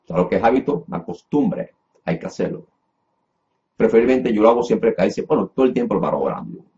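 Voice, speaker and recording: A man's voice: on the low side, expressive, brisk, dark tone. A man preaching a Bible lesson in a sermon style, repeating phrases and restarting often, calling listeners brother. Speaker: preacher teaching a class. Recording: dull lo-fi recording.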